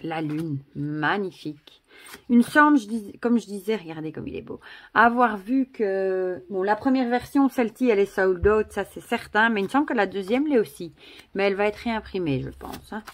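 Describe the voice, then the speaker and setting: A woman's voice: mid-range voice, moderate pace. Gushing Belgian woman vlogger. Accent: Belgian French. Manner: gushing, chatty, many exclamations and asides. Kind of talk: casual vlog, showing cards to camera.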